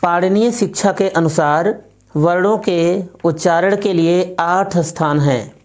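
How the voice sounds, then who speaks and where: A woman teaching a recorded Sanskrit lesson, reciting each rule several times in a slow, measured chant before explaining it. She asks the class questions and answers them herself. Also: lowish voice, a little mellow.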